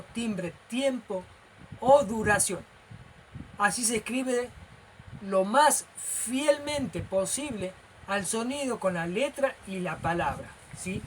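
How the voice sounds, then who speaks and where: A man's voice: high voice, slight background noise, rough recording. A man with a Rioplatense accent gives an informal lecture as a teacher. He explains things step by step and keeps checking that the listener is following. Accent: Rioplatense Spanish. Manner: animated and gestural.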